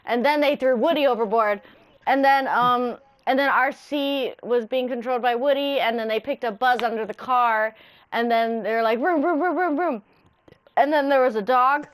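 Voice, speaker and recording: A young woman with a high voice tells a story over voice chat. She rambles and swears freely. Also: fairly even intonation, normal speed. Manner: rambling, swearing, laughing through it. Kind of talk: casual voice chat retelling.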